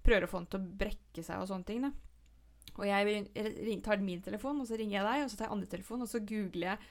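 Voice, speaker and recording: A middle-aged woman in casual chat, animatedly retelling a frightening event with many restarts. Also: mid-range voice. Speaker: storyteller in conversation.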